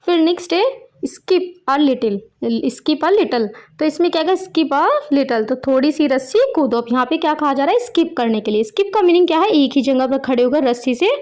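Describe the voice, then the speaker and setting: High-voiced woman teaching a children's rhyme. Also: expressive, fast, few pauses, darkish tone. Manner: explains in Hindi mixed with English words, asks herself questions. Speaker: English teacher for young children.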